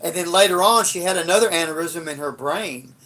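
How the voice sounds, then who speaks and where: A man's voice: fairly high pitch, fairly quick, bright, forceful tone. An older man, telling a rambling, blunt and profane story in a casual livestream. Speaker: livestream host.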